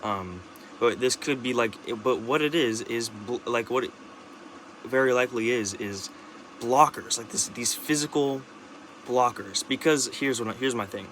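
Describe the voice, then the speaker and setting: A young man talking into his camera in a rambling, halting monologue, restarting sentences and swearing often. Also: medium pitch, fairly bright tone, slight background noise. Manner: rambling, halting, with many restarts, fillers and curses. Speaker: vlogger.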